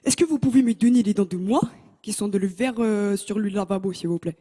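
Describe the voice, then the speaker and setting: A woman voicing her stern older father, speaking slow, mangled French in a reverberant studio hall. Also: medium pitch, warm tone, natural voice. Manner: mangled grammar, slow and solemn.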